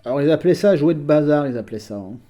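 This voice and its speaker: A man with a mellow, dark voice talks casually to his viewers from home. He is chatty and hesitant, often pausing on fillers and restarting his sentences. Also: on the high side, lively intonation. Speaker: collector vlogger. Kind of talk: casual chat.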